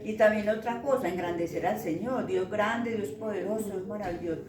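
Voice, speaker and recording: Woman leading a church prayer group, calm, far off in an echoey room with people around. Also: medium pitch, fairly quick. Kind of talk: leading a bible study. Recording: echoey room, from afar, with a crowd.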